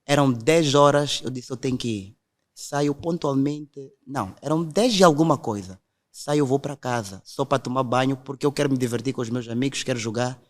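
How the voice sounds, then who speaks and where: A man's voice: medium pitch, normal speed. A young man, earnestly telling his conversion testimony in a podcast conversation. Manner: earnest storytelling, quotes others directly.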